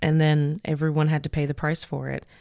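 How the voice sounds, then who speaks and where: A woman hosting a podcast, retelling a case in a chatty, animated way with many fillers. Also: low voice, brisk, creaky, no room sound, clean studio sound. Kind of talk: casual storytelling chat.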